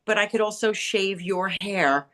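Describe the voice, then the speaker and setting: A middle-aged woman with a raspy, grating, nasal voice, talking bluntly and candidly as an interview guest, acting out what people said. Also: medium pitch, measured pace. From New York area. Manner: blunt, animated storyteller who acts out quotes. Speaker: interview guest, salon owner and author.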